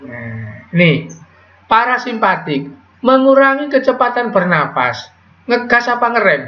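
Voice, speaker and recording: A man teaching biology to a class, quizzing students with quick call-and-response questions in a casual manner. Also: extremely high pitch, very animated. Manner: casual, with Javanese slang words. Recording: echoey, dull lo-fi classroom audio.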